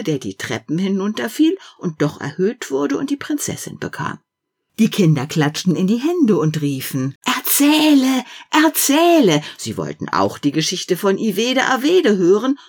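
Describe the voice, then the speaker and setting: A woman reads a fairy tale aloud at an unhurried pace, her low voice slightly husky. Her pitch moves widely and expressively, and she drops to a near-whisper in quiet passages before rising again in lively ones. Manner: slow, expressive storytelling with wide swings between hush and loud. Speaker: narrator.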